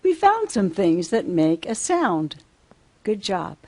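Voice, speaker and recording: A woman's voice: medium pitch, sing-song, slow, a little mellow. A woman teaching a simple children's lesson as if reading to a toddler, asking sing-song questions and repeating simple phrases.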